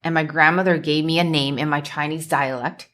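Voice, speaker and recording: A woman with a notably low voice hosts a solo podcast on a microphone. Measured and deliberate, she stacks her ideas into emphatic lists as she coaches her listeners. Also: fairly even intonation, fairly bright tone. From United States. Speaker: podcast host and business coach. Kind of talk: solo motivational podcast talk.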